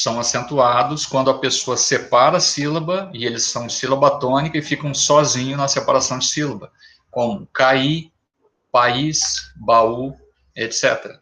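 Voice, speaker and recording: A man teaching a grammar lesson, talking slowly and deliberately and listing examples one word at a time. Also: medium pitch, sharp tone.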